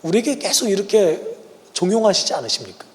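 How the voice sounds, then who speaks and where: A male pastor preaching a sermon and leading prayer, earnest, moving between hushed and raised passages. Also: high voice, big pitch swings, quick pace. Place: church sanctuary. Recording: long church-hall reverb with soft instrumental music.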